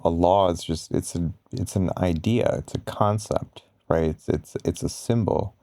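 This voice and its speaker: A man giving slow bedtime pillow talk in an ASMR style, explaining ideas in a halting, rambling, casual way with frequent pauses. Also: low voice, gravelly, mellow, no room sound, studio quality. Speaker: ASMR content creator.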